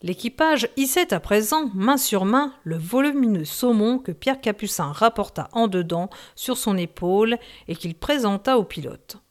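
Woman reading a sea novel aloud. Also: medium pitch. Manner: measured, expressive reading. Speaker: audiobook narrator. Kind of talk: scripted narration of a novel.

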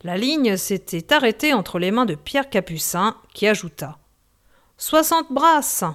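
A woman narrating a novel in a measured, expressive reading. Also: mid-range voice. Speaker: audiobook narrator.

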